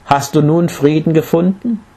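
A man's voice: a little high, steady tone, moderate pace, mellow, slightly rough, voice pushed up. A man voicing a mighty human king in a read-aloud fable, speaking in stately, formal words. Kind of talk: storybook reading.

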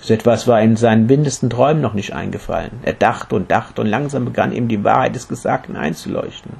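A man calmly narrating a fable in a measured reading voice. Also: medium pitch, creaky, slightly rough. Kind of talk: storytelling of a fable.

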